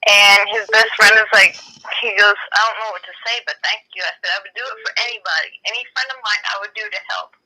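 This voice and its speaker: A woman calling in to a live show, telling her story earnestly and softly, heard through a buzzing phone line. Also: mid-range voice, steady tone, fast talker. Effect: heard over a buzzing phone line held near the mic. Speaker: caller. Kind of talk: casual phone-in chat.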